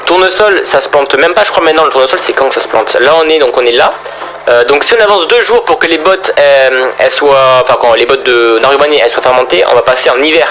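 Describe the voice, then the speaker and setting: Fast-talking young man narrating gameplay. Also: mid-range voice, fairly bright tone, a little hiss or hum, low-quality recording. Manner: rambling, chatty, talks to viewers as guys. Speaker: gaming video host. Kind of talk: casual gameplay commentary.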